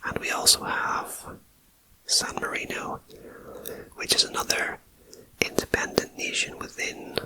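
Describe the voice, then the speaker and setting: An ASMR host whispering a list of facts in a slow, soft voice and adding chatty personal asides, recorded on a binaural ear-to-ear microphone. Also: rough recording. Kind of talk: whispered ASMR fact reading.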